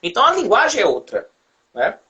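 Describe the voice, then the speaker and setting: A middle-aged man, a history teacher telling stories in a relaxed chat over beer. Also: a little fast, dull audio. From Brazil. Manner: relaxed storytelling, lively pitch. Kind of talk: casual conversation over beer.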